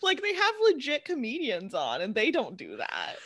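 A young woman co-hosting a casual podcast, reacting to stories with quick exclamations and laughs. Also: fairly high pitch, huge pitch swings, a bit bright. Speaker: podcast co-host. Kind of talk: casual chat.

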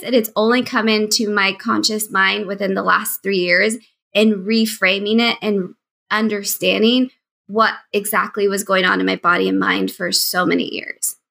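A woman's voice: mid-range voice, vocal fry, bright, forceful tone. A woman podcast guest and mind-body coach, talking conversationally on a call from home and animatedly acting out her past self in quoted asides. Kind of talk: conversational interview.

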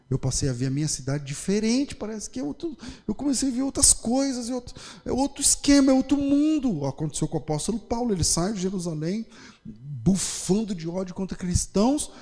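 Brazilian male pastor, mid-pitched, fervent sermon that drops to hushed anecdotes, long hall reverb. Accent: Brazilian Portuguese. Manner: swings between loud impassioned preaching and quiet storytelling.

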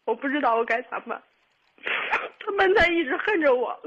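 A woman of twenty-two calling a radio show, upset and tearful, speaking in halting, repetitive bursts. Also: high-pitched, animated, dull audio. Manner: halting, repetitive, restarts often. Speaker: caller. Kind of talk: radio call-in.

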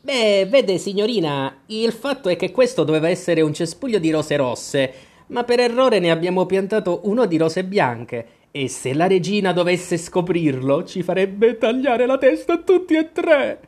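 The narrator voicing Two, an anxious playing-card gardener who speaks in a hushed, pleading way. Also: mid-range voice, very animated, moderate pace, pitched above the performer's own voice, close to an everyday voice. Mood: nervous.

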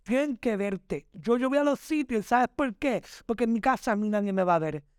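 Man, high voice, dry close mic, dramatic pep-talk guest. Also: animated, moderate pace, clear, resonant tone, no room sound. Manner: emphatic, preachy, dramatic, addresses listener as "mi amor". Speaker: podcast guest, entertainer. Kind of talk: motivational podcast conversation.

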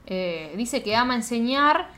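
Bright-voiced Argentine woman. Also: fairly high pitch, unhurried, slight background noise. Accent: Argentine Spanish. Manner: animated, slangy, laughing asides. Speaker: podcast co-host. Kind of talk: casual reaction podcast chat.

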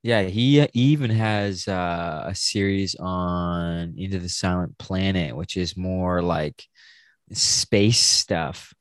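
A man's voice: deep voice, takes it slowly, clear, resonant tone, no echo, clean studio sound. A man co-hosting a podcast, chatting casually in a joking, slangy way. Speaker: podcast co-host. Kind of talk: casual chat.

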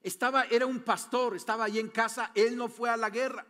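A man's voice: very high voice, fairly even intonation, a little fast, sharp tone, big-room sound. A man with a Mexican accent preaching a sermon as a pastor, in a chatty, joking way full of rhetorical questions. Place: church sanctuary.

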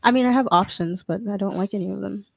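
A woman, a podcast guest giving halting, hesitant answers. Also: medium pitch, creaky, no room sound, studio quality. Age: 20s. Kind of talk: casual panel chat.

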